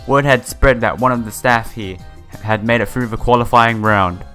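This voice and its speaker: A man reads through a visual novel for his playthrough at normal speed, his medium-pitched voice fairly bright. He stumbles here and there and offers casual, sympathetic remarks over the background music.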